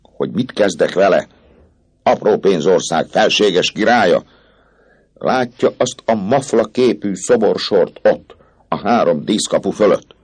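A man reading aloud and voicing a cocky, boastful young male student who exclaims excitedly. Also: deep voice, husky, voice pushed up.

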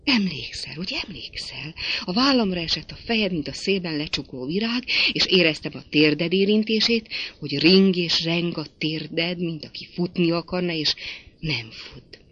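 A man's voice: fairly high pitch, a bit bright. A man playing a passionate aristocratic marquis who pleads with his lover. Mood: tender. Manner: passionate, beseeching. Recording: dull lo-fi recording.

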